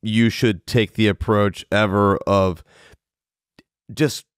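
Lowish-voiced rambling man in his fifties. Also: steady tone, slow pace, smooth, no room sound, clean studio sound. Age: 50s. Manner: rambling, swears casually, self-deprecating. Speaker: podcast host. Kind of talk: casual interview chat.

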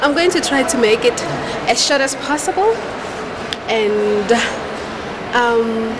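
A woman's voice: fairly high pitch, expressive, slow, background noise. Giggly young woman vlogging to camera. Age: young adult. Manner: chatty, giggly, talks straight to camera. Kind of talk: casual vlog chat. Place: shopping mall, then a home kitchen. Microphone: handheld camera at arm's length.

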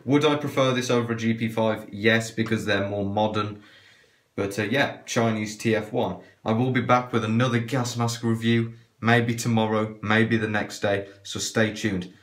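Brief: low-voiced man, muffled by a cloth mask, rambling gear-review chatter in an echoey room. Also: fairly even intonation, normal speed. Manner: chatty, hesitant, trails off with fillers. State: talking through a cloth mask. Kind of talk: casual unboxing review.

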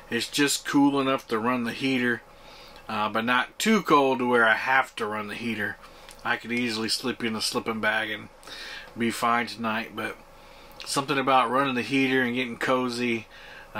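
Brief: male outdoor vlogger, easygoing and chatty, mid-range voice, faint outdoor hiss behind. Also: medium pitch. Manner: relaxed, chatty, many "uh" fillers. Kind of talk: casual camping vlog talk. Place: enclosed pontoon boat on the water, outdoors.

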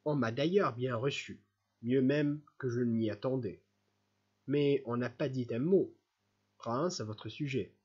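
A man reading the part of an eager, talkative youth who rushes to share his news. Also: medium pitch, a little mellow, breathy edge, dull audio.

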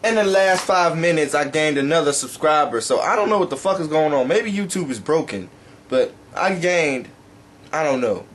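A man's voice: a little high, expressive, normal speed, a bit bright, a little hiss or hum. A young man rambling casually in a vlog, talking while eating and swearing offhandedly. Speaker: YouTuber.

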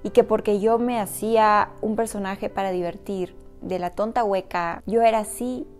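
A woman's voice: medium pitch, steady tone, moderate pace, a little mellow, soft background music. A woman vlogger telling her own story straight to the camera, earnest and personal, speaking directly to her viewers. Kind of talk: personal confessional talk to camera.

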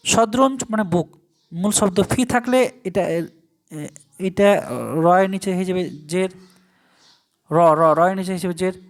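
Teacher drawing out Arabic phrases slowly. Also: mid-range voice. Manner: chants the Arabic phrases slowly, then explains in quick Bengali asides; asks rhetorical questions to the listener. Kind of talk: recorded language lesson.

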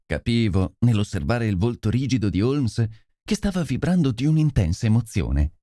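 Lively male audiobook narrator. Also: medium pitch, normal speed, no echo, clean studio sound. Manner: expressive storytelling.

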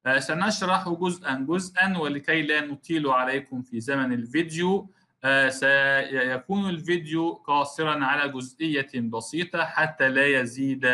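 With a mid-range, bright and forceful voice, a man teaches a recorded lesson on the rules of Quran recitation. He explains step by step, repeats key terms, and speaks directly to his students as a class.

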